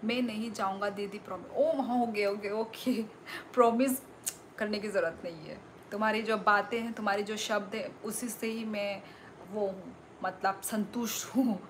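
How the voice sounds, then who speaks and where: A woman's voice: medium pitch, steady tone, moderate pace, slight background noise. A woman hosting a live stream, chatting casually and reading out viewer messages with frequent exclamations. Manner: reads out viewer messages and super chats, often exclaims. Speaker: livestream host.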